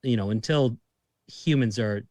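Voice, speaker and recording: Lively Boston man telling stories. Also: mid-range voice, unhurried, dry recording. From Massachusetts. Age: 30s. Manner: lively storyteller, swears casually. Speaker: guest. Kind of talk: casual chat.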